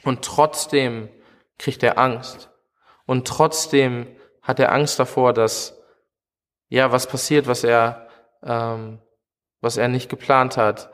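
A man preaches with earnest conviction and talks directly to each listener. His voice sits at an ordinary middle pitch. A long reverb trails behind his words, as in a large hall. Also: fairly even intonation, takes it slowly, pauses often, smooth. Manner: earnest, direct address with frequent "hey". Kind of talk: sermon.

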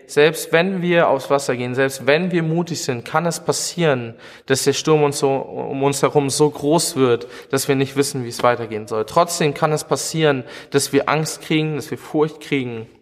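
A man's voice: medium pitch, in a large hall. A man preaching a sermon in an earnest way, speaking straight to his listeners and often calling out "hey". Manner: earnest, direct address with frequent "hey".

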